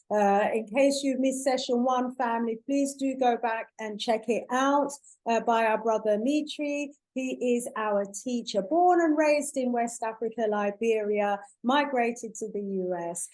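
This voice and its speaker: A woman's voice: fairly high pitch, rough recording. A woman hosting an online talk show, welcoming viewers as family and introducing her guest with enthusiasm. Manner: warm, affirming, addresses audience as family. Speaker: host.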